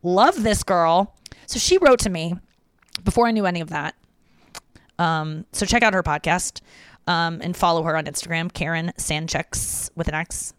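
A woman talks straight into a close mic on her podcast, chatty and unfiltered, with casual swearing throughout. Her voice sits low and sounds smooth and clean. The recording is dry, with no room sound. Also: normal speed, dry recording. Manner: chatty, frank and profane, reading listener messages aloud. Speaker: podcast host. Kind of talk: casual chat.

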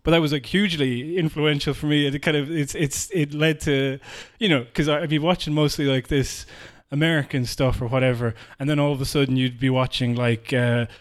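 A man's voice: fairly high pitch, steady tone, fairly quick, hardly any pauses. A man with a west of Ireland accent chatting casually, informally and hesitantly, searching for words as he goes. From Galway, west of Ireland. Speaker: podcast host, interviewer. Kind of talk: casual chat.

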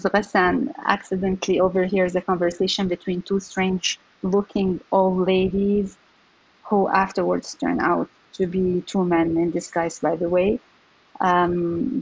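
A woman's voice: medium pitch, darkish tone, dull audio. A woman from Syria, an author answering interview questions in a hesitant way with many fillers. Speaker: author guest.

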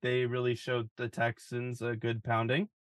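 A young man talks sports casually on a podcast with a relaxed, wry and sarcastic tone and the odd curse. His voice is mid-pitched and recorded dry and close. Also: moderate pace, no room sound. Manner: laid-back, wry, swears casually. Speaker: podcast co-host.

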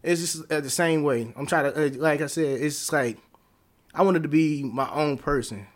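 A man's voice: fairly high pitch, normal speed. Laid-back man rambling with slang. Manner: relaxed, rambling, many fillers and slang. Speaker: dancer, interview guest. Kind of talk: casual conversation.

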